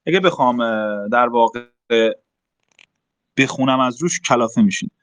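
A man's voice: mid-range voice, fairly bright tone. A young man explaining mathematics casually in an online group talk, step by step with frequent fillers. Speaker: math talk host.

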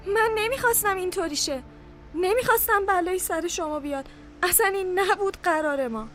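Very high, anguished young woman played by an actress. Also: expressive, a bit bright. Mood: remorseful, pleading. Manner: anguished, protesting. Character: young female accomplice, frightened, remorseful, pleading. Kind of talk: dramatic audio drama acting.

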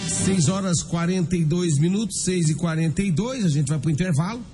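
A man's voice: high-pitched, a little fast. A Brazilian man hosting a radio news programme, reading news and live ads in a colloquial, chatty way that addresses listeners directly. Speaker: radio crime-news host. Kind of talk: informal news commentary and live-read advertising. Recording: music bed under the voice. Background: background music.

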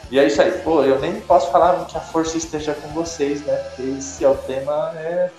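A man's voice: a little high, fairly even intonation, fairly quick, darkish tone. Man talking in an echoey bathroom. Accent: Brazilian Portuguese. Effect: strong bathroom echo. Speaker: podcast guest. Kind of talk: casual podcast chat. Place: bathroom at home. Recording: echoey bathroom with faint music.

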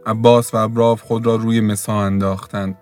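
A man reading a novel aloud in steady, measured scripted narration, with faint music behind. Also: fairly low pitch. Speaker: audiobook narrator.

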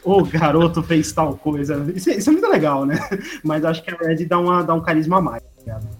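A man's voice: a little high, wildly swooping pitch, very fast, over music. A Brazilian man co-hosting a podcast, chatting casually in a hesitant, informal way. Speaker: podcast co-host. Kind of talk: casual chat.

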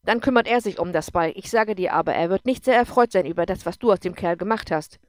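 A woman voicing a drunk, bitter man who talks loudly and with contempt, in an audiobook. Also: mid-range voice, fast, no room sound, clean studio sound, close to an everyday voice. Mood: angry. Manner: loud, contemptuous, pushing. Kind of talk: audiobook character voice.

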